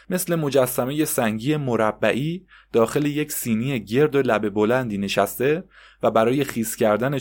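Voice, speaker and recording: A man narrating a story in a steady, descriptive way with occasional conversational asides. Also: mid-range voice.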